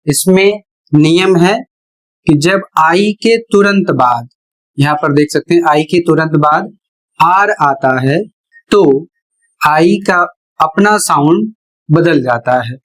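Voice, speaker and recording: A teacher explaining English pronunciation rules one step at a time, in a measured, repetitive way. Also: mid-range voice. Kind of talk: slow explanatory lesson narration.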